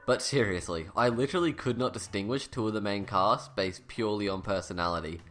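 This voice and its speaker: A man's voice: on the low side, brisk, a bit bright. A man with a lisp that slurs his s toward sh, reading a scripted critical review in a blunt, sarcastic, sweary way. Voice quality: lisp, slushy sh-like s. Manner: blunt, sarcastic, sweary, self-deprecating at times. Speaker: video reviewer. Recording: voice-over with music underneath. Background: background music.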